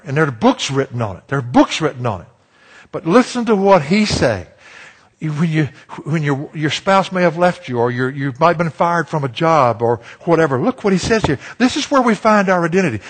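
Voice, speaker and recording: An older man from Virginia, preaching a sermon as a pastor, folksy and self-deprecating in his storytelling. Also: medium pitch. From Virginia, USA.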